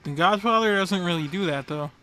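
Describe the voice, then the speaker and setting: A man's voice: high voice, fairly quick, bright, forceful tone, clear, resonant tone. A man chatting casually as a podcast co-host on a remote call. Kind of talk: casual chat. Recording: music bleeding from computer playback.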